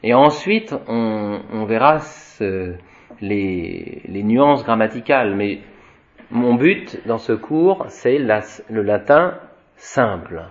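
A man's voice: fairly low pitch, lively intonation. A man teaching a Latin class, reading from a textbook and adding his own remarks, with many restarts and tags like "hein" and "voyez". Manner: slow explanatory, tags sentences with "hein" and "voyez", frequent restarts; spells out Latin words slowly, chanting declensions. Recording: dull lo-fi recording.

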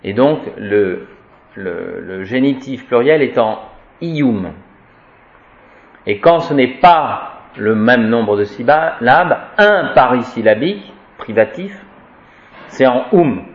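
A man's voice: medium pitch, lively intonation, slow, highs cut off. A man giving an informal Latin grammar lesson. He talks in a chatty, wry way and drills declensions aloud. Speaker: Latin teacher.

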